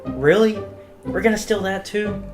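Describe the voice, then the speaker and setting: A man's voice: high voice, expressive, a little slow, over music. A man playing an exasperated game master in a conversational comedy sketch.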